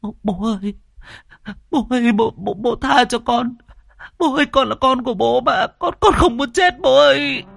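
A man's voice: very high voice, moderate pace, gravelly, fairly bright tone, no echo, voice pushed up, heavily acted. A man voicing a terrified young woman who sobs, stammers and begs for her life in a ghost story reading. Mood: sobbing terror. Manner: sobbing, stammering, begging.

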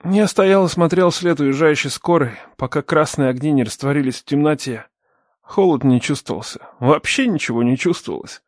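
A man's voice: fairly high pitch, dry recording, studio quality. Young man narrating a tense audiobook. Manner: measured, tense storytelling. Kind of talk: first-person audiobook narration.

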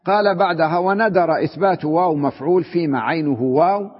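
A man teaches a grammar lesson, his husky voice sitting a little high. He puts questions to the class, answers them himself and repeats words to drive each point home. The recording is dull and lo-fi, with a long reverb from a hall. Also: brisk. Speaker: sheikh teaching Arabic grammar.

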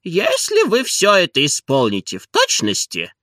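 A man reading an audiobook and voicing a brisk doctor who lectures in a matter-of-fact way. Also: high voice, huge pitch swings, fairly bright tone, no room sound, clean studio sound, voice pushed up, heavily acted. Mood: lecturing. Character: brisk, prescribing male doctor.

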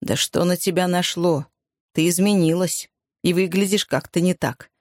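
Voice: medium pitch, steady tone, normal speed, no room sound, natural voice. Reader doing a bossy soldier hubby, blunt and scornful, dry sound. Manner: blunt, domineering.

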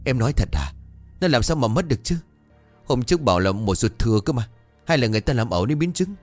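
A man's voice: fairly low pitch, expressive, quick pace, a little mellow, dry recording, faint music behind. A man voicing an anxious, agitated middle-aged businessman in a ghost story, asking urgent questions. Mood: alarmed.

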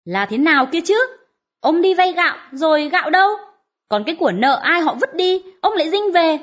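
A woman's voice: high-pitched, sing-song, normal speed, fairly bright tone. A woman voicing a bitter, nagging peasant wife who scolds her husband harshly in an audiobook. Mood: scolding. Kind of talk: audiobook character reading. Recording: dull lo-fi audiobook recording.

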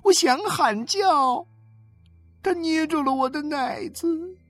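A woman's voice: a little high, expressive, takes it slowly, husky, no echo, faint music behind, exaggerated voice. A woman voicing an ashamed young wife who tearfully confesses, in an audiobook dialogue. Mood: tearful confession. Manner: weeping, pleading.

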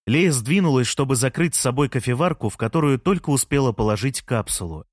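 A man narrates a first-person audiobook in a measured, mid-pitched voice. The recording is dry and close, with no room sound. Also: lively intonation, no room sound.

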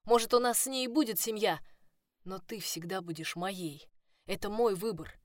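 A woman's voice: on the high side, fast talker, no room sound, studio quality, voice pushed up, natural voice. A woman voicing a desperate young man in love, pleading, in a first-person audiobook.

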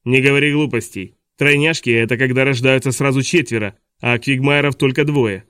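A man's voice: mid-range voice, fairly even intonation, a little fast, a bit bright, dry recording, clean studio sound, close to an everyday voice. A man voicing a petty, tyrannical vice principal who is bossy and smug and snaps at everyone, in an audiobook. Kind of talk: audiobook dialogue reading.

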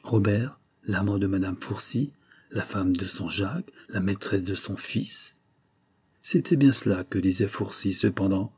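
A man narrating an audiobook of a classic novel in a measured, expressive reading. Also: low-pitched, slightly rough, no room sound.

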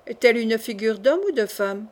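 A stern presiding judge who hands out short, commanding orders and questions, as a woman reader voices him. Her voice stays fairly high throughout. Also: moderate pace, natural voice. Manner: commanding, curt. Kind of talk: audiobook character reading.

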